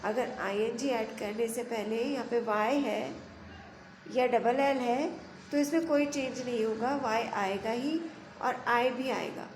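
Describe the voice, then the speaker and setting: A woman teacher works through a grammar lesson, reading each rule slowly and then explaining it in quick bursts. She spells words out letter by letter in a slightly high voice. The room is echoey, with a faint hum behind her. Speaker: school teacher.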